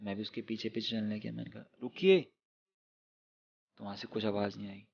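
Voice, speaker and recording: A man's voice: on the low side, monotone, very fast, creaky, husky, muffled recording. A young man telling a true horror story in a casual, chatty way, speaking straight to his viewers with lots of English fillers.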